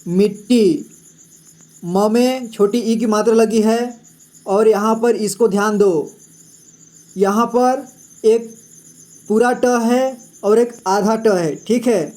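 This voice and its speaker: Slow mellow guy teaching hindi reading, spells each word out, keeps saying "ठीक है". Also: high voice. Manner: spells words out letter by letter, repeats "ठीक है" often. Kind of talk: slow, patient reading lesson.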